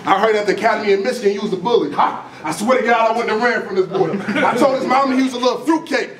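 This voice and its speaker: A young man delivers a cappella battle rap in a very high, projected voice. He is boastful and confrontational, hammering his punchlines. The room is echoey, with a crowd reacting around him. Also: racing, recorded from a distance. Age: young adult. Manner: confrontational, boastful, repeats lines for emphasis; projected, animated delivery while pacing and gesturing. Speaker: battle rapper. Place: small crowded indoor room.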